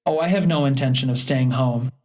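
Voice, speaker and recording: Steady, defiant mother in an audiobook, read by a male narrator, soft and low. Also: brisk, lightly acted. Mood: calm. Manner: calm and firm. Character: calm, defiant mother of a teenage girl.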